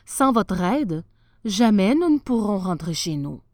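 A woman's voice: medium pitch, big pitch swings, a little slow, a little mellow, no echo, studio quality. A woman voicing an earnest, hearty male ship captain.

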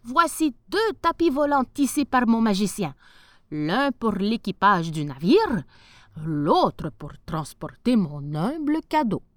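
A woman voicing an excitable old male sultan who speaks grandly and exclaims loudly. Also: on the high side, slow pace, no echo. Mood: exclaiming grandly.

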